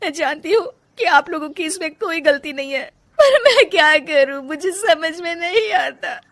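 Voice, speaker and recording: Lady doing a resentful young wife, high shrill voice going all over, tearful. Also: animated, a little fast. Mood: sobbing. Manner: sharp, high and strained, breaking into sobs.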